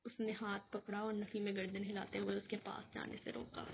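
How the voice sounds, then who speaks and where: A woman narrating a romance novel aloud in a steady storytelling manner. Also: medium pitch, gravelly. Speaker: audiobook narrator. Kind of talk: reading an Urdu novel aloud. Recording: tinny phone-like recording with faint hiss.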